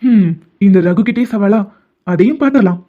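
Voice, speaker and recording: A voice actor dubs the male lead of an animated love story: a stubborn young doctor who teases the heroine with pet names and won't stop saying she is his wife. His mid-range voice moves at a moderate pace and sounds close to everyday speech. The background is noisy, and the dull lo-fi recording carries faint music.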